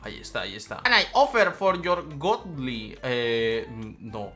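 A young woman with a Spain Spanish accent giving excitable gameplay commentary, jumping from loud shrieks to muttered asides. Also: extremely low pitch, unhurried, faint music behind. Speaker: gaming YouTuber.

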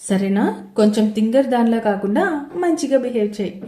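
A woman's voice: on the high side, animated, normal speed, dark tone, echoey room, lightly acted. A woman voicing a young husband who teases his wife while holding back a laugh. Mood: teasing.

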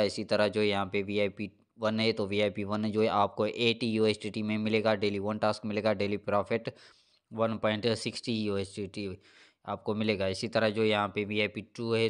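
A man narrates a screen recording as a channel host. His voice sits low and clean and stays flat and even, with little rise or fall. He gives steady step-by-step instructions close to the mic and keeps coming back to the same filler phrases. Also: clean tone. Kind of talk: screen-recorded app walkthrough.

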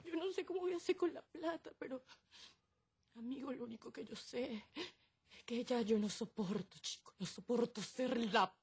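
A woman's voice: on the high side, normal speed, husky. An actress playing a hurt, crying woman in a telenovela, vehement and distressed. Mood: tearful. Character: hurt woman vowing to change her life. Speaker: soap opera character. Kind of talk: telenovela acting.

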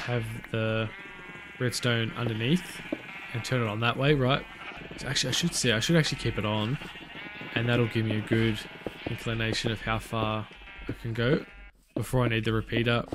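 A man's voice: medium pitch, moderate pace, background noise. A man giving casual, rambling commentary on his own gameplay, thinking aloud and restarting his sentences often. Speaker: gaming channel host. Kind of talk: casual let's-play commentary.

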